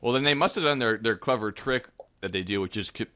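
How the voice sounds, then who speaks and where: A man's voice: mid-range voice, quick pace, sharp tone. A young man co-hosting a podcast, telling stories animatedly and jokingly mimicking voices. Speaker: podcast co-host. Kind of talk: casual chat.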